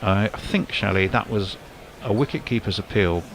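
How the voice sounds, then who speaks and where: A man with a lowish voice and vocal fry calls a cricket match ball by ball in live sports commentary. His play-by-play is brisk, and his voice suddenly lifts on big shots. There is slight background noise.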